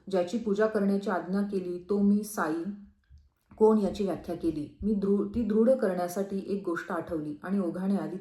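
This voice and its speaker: A woman giving a measured, earnest devotional reading of a scripture, as a regular reader of a daily reading. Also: lowish voice, mellow. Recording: echoey room.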